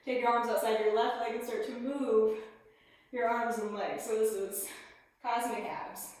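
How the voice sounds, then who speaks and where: Yoga teacher woman in an echoey room. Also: fairly high pitch. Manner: calm step-by-step cueing, breathes between cues while doing the poses. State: slightly out of breath. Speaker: yoga instructor. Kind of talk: guided yoga class instruction.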